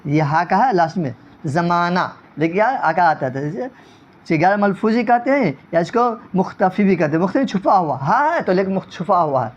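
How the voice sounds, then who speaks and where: A male teacher gives an online grammar lesson in a high-pitched voice with lively intonation. He repeats each point and frequently checks whether students have understood, and the recording is dull and lo-fi.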